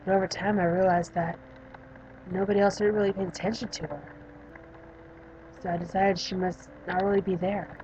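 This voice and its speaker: Shy young girl patient from a story game, soft and halting, a little lower and quieter than usual, as a woman puts her on, on a dull mic with faint hiss. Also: little pitch movement, natural voice. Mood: hesitant.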